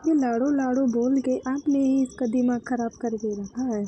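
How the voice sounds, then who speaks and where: A woman's voice: high voice, steady tone, moderate pace, warm tone, roomy sound, muffled recording, slight background noise, lightly acted. A woman voicing a middle-aged mother who scolds and complains about her daughter. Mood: scolding.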